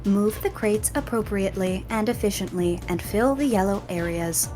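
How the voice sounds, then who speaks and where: A woman voicing a calm in-game instruction announcer, reading in a smooth, even train-station-announcement manner. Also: mid-range voice, moderate pace, faint music behind, close to an everyday voice. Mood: formal. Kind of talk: scripted game voice-over.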